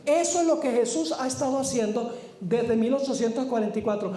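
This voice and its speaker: A man's voice: extremely high pitch, a little fast, dark tone. A man preaching a sermon, often putting rhetorical questions to his listeners. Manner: asks the audience rhetorical questions. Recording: roomy echo.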